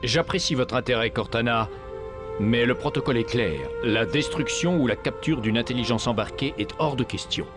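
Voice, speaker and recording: An actor playing a grave, resolute warship captain in dramatic video game dialogue. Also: male voice, medium pitch, moderate pace, over music, close to an everyday voice.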